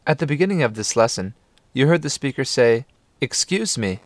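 In a middle-pitched voice at normal speed, a man patiently and steadily narrates a scripted language lesson, prompting the listener to listen and repeat. The sound is dry and close, with no echo.

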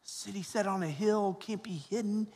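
Priest in a cathedral echo, high-voiced. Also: male voice, a little mellow, slightly rough. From Georgia, US. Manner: slow, measured reading, then chatty homily with "right?" asides. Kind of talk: gospel reading and homily. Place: large church. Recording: long church reverb, cathedral echo.

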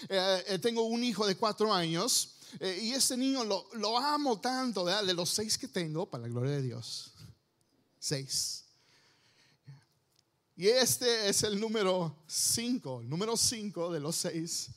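A man's voice: high voice, fairly bright tone. A man preaching a sermon as a pastor, earnest and emphatic, repeating his key phrases.

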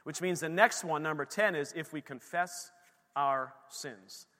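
Fervent pastor in a reverberant hall. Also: male voice, on the high side, a little slow. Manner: swings from quiet storytelling to loud fervent preaching. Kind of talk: sermon.

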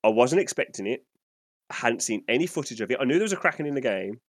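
A man's voice: mid-range voice, expressive, fast. A man co-hosting a gaming podcast, telling a story in a rambling, enthusiastic way. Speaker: podcast co-host. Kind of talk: casual storytelling chat.

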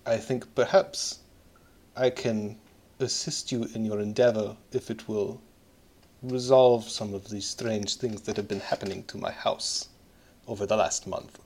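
A man voicing a formal, courteous vampire earl in a tabletop game, with measured, old-fashioned wording. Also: on the low side, steady tone, darkish tone, pitched below the performer's own voice. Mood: haughty, courteous. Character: male vampire earl, formal, courteous, unblinking master of the house.

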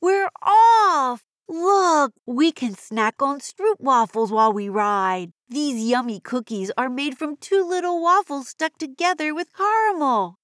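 An excitable young girl played by a woman tells a children's story in broad, singsong kids' theatre style. The voice is pitched up high and exclamatory, recorded dry with no room sound. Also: unhurried, few pauses, no echo. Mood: excited. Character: Jazzy, excitable young girl tourist who loves cats. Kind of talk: children's educational audio story.

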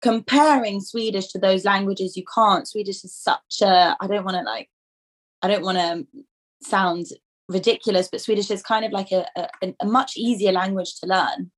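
A chatty woman in her twenties from England sits as a guest in a relaxed conversation. She talks in a loose, filler-heavy way, often laughing at herself. Her voice sits at an ordinary middle pitch. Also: normal speed. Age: 20s. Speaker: dental student guest. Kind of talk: casual conversational interview.

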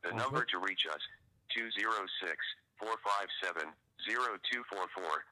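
A man's voice: fairly low pitch, moderate pace, sharp tone, poor audio. A man's automated robocall voice, played from a phone speaker, reading stiff legal threats and repeating a number. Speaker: scam caller recording. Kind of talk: recorded automated announcement.

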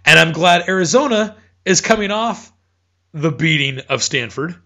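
A man's voice: on the high side, animated, moderate pace, sharp tone. A man hosting a casual sports chat, rambling and correcting himself as he talks, with hiccups. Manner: rambling, self-correcting, chatty. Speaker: podcast host.

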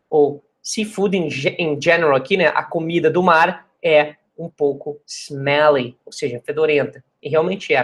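A Brazilian English teacher, a native Portuguese speaker, giving a bilingual lesson who repeats English words slowly to show pronunciation. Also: mid-range voice.

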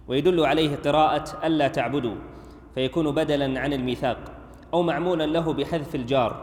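Man reading an old text out loud, steady and formal, lots of room echo and long reverb. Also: mid-range voice. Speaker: student reader. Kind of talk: formal recitation of a classical text.

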